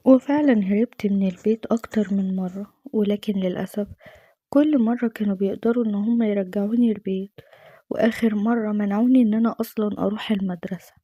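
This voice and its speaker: A woman's voice: mid-range voice, fairly even intonation, fast talker, warm tone, no echo, dull audio. Tense Egyptian woman narrating a story. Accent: Egyptian Arabic. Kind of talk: scripted first-person story narration.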